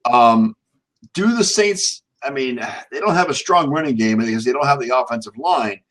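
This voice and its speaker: A man hosting casual sports talk in a halting way, often repeating words as he goes. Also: medium pitch, lively intonation. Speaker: sports show host.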